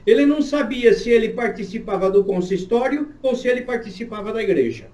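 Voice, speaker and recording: A man's voice: extremely high pitch, brisk, darkish tone, roomy sound. A man who is a pastor and church history professor, answering an interview question with a long, emphatic, lecturing explanation.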